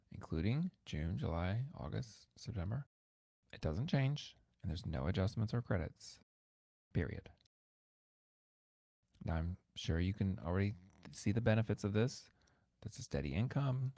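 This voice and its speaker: Piano teacher guy on his podcast, low gravelly voice, kinda dark tone, chatty and emphatic. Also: dry recording, studio quality. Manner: conversational and emphatic, repeats words for stress. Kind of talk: instructional podcast talk.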